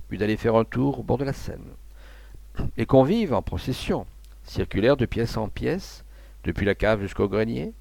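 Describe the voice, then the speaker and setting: Man, audiobook narrator, measured, gravelly, dry close sound. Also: mid-range voice, darkish tone, dry recording. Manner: measured literary delivery. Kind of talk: audiobook reading of a classic novella.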